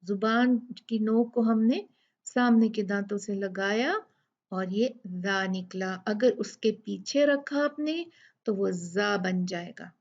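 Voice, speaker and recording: A woman teaching a tajweed pronunciation lesson, repeating each sound and word slowly for practice. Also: mid-range voice, a little mellow, muffled recording. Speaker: Quran recitation teacher.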